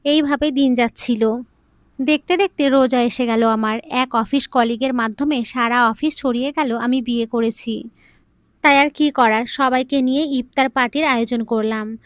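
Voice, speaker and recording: A woman tells an emotional story in calm, scripted narration. Her voice is high-pitched and recorded close on a dry studio mic. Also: moderate pace, no room sound.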